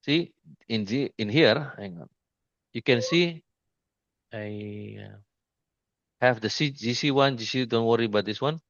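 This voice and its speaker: A man giving an informal screen-share trading lesson, speaking haltingly with many restarts and repeated pointers to the chart. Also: medium pitch, no echo, highs cut off. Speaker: trading mentor.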